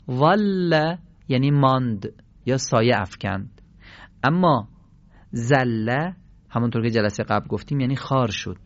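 A man's voice: medium pitch, dry recording, highs cut off. A man teaching Quran pronunciation on a radio program, explaining sounds patiently and repeating them for drills. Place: radio studio.

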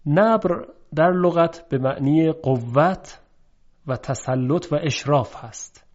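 A man gives a recorded lesson on reciting the Quran, his voice pitched a little high. He explains each point in a measured, patient way and slows right down to demonstrate sounds. The recording sounds dull and lo-fi. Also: darkish tone.

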